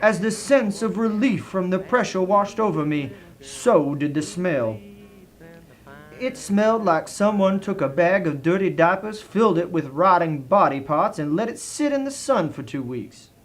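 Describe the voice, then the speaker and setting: A man's voice: sits high, animated, a little slow. A man with a Southern US accent reads a comic written review as a dramatic story, in a theatrical, genteel manner.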